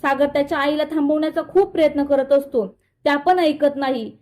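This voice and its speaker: A woman narrating a recap of a TV serial episode in steady storytelling. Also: sits high, brisk.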